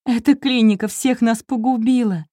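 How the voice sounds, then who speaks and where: A woman's voice: mid-range voice, moderate pace, warm tone, no room sound, clean studio sound, pitched above the performer's own voice, natural voice. A woman reading an audiobook, voicing an anxious, tearful young wife in an emotional, pleading tone. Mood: distraught.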